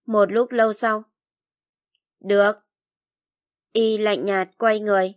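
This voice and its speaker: A woman narrating a literary story in an even, measured storytelling voice. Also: mid-range voice. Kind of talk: audiobook narration.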